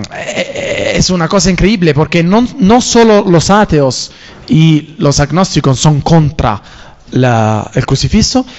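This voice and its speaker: A man with an Italian accent who speaks halting Spanish, searching for his words in a workshop discussion. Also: a little high. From Italy. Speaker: activist participant. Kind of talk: discussion contribution. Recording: dull audio in a reverberant hall.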